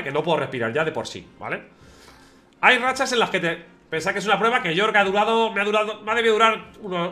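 A man with a bright, high voice tells a personal story to his viewers at a quick clip. He is animated, breaking into imitated noises and voices along the way. Faint music plays behind him. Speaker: vlogger. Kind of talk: casual storytelling to camera.

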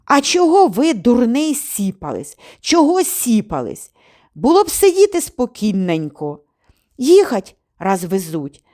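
Woman playing a gruff old grandpa, scolding, blunt, lively pitch, storybook. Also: a little slow.

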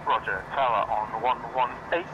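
A man's voice: medium pitch, moderate pace, muffled recording. Man reading back over aircraft radio. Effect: pilot over the aircraft radio. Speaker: pilot. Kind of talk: radio readback of instructions. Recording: aircraft radio with loud static.

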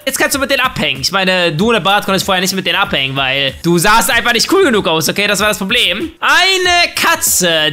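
Young male gaming commentator, bright animated read, jokey, faint music behind. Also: sits high. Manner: animated, joking, talks to the game characters. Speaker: gaming YouTuber. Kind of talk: casual let's-play commentary.

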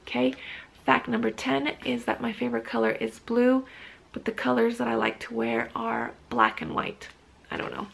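A woman's voice: fairly high pitch, expressive, normal speed, gravelly, rough recording. A woman in her thirties chatting casually to camera from a living room sofa, rambling with frequent restarts and ums. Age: 30s. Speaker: vlogger.

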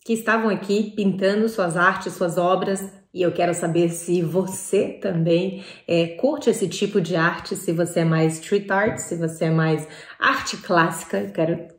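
A Parisian vlogger whose first language is French talks casually to camera from a small, bright indoor room that echoes. Her voice sits fairly low, with fairly even intonation and a slightly slow pace.

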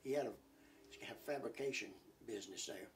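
An older man offers short, matter-of-fact remarks at a middle pitch. He sits far from the mic, and his voice comes through thin, with background noise behind it. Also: moderate pace. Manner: brief, matter-of-fact interjections. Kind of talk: casual chat. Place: living room indoors.

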